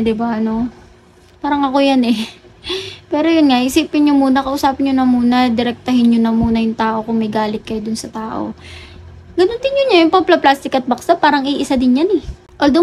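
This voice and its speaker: Blunt high-voiced woman lecturing. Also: a little mellow, slight background noise. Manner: blunt, lecturing, swears casually. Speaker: vlogger. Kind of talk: casual rant to camera.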